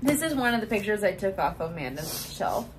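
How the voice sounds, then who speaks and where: A woman's voice: medium pitch, sing-song, fairly quick, slight background noise. A woman co-hosting a podcast, chatting casually about books she bought and breaking into laughing fits. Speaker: podcast co-host.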